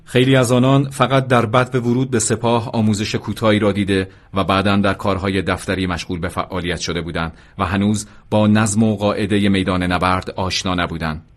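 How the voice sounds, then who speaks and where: A low-pitched man narrates an audiobook chapter in a calm, steady manner. He gives the quoted speech only a light touch and reads it as scripted narration.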